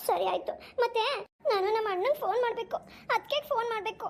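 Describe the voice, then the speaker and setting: A woman voicing a shrill tearful young bride. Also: quick pace. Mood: sulky. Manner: tearful, reproachful. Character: young newlywed bride, hurt and weepy. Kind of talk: cartoon voice acting.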